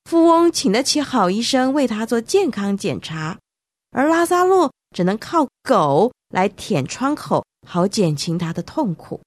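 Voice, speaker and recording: Animated woman telling children a Bible story. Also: fairly high pitch, a little slow, no room sound, clean studio sound. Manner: animated, addressing children directly.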